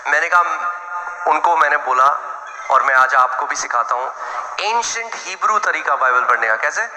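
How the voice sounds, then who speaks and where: Blunt pastor preaching in an echoey hall. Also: male voice, a little high, lively intonation, normal speed, sharp tone. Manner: blunt, direct, calls out to the congregation. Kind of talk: sermon. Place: church hall. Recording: echoey hall, long reverb.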